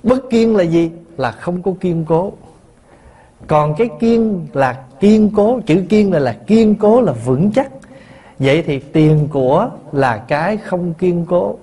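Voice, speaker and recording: A man's voice: sits high, expressive, slow pace, dark tone, husky. A man, a Buddhist monk giving a dharma talk, telling stories and asking his listeners rhetorical questions. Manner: conversational storytelling with rhetorical questions.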